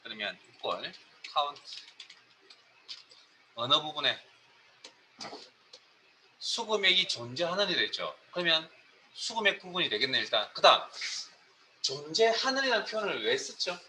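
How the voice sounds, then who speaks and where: A man's voice: on the high side, big pitch swings, moderate pace, pauses often, pushed and bright, a little hiss or hum, rough recording. A man teaching a spreadsheet class, explaining step by step and quizzing his students.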